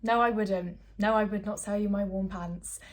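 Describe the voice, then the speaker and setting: A woman's voice: medium pitch, steady tone, normal speed. A woman, chatting casually to her phone camera at home with plenty of fillers and giggles. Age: 20s. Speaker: vlogger.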